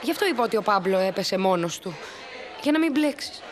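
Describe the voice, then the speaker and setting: A woman dubbing a caring teenage schoolgirl who keeps trying to calm her friends down. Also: medium pitch, noisy background, lightly acted. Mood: concerned. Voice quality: pleading, earnest. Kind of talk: dubbed TV drama.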